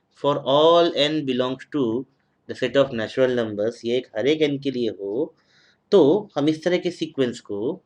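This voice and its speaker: Man, maths lecturer, dictating notes, very slow delivery, mid-pitched. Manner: mixes Hindi and English, dictates slowly, repeating each phrase. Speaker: mathematics lecturer.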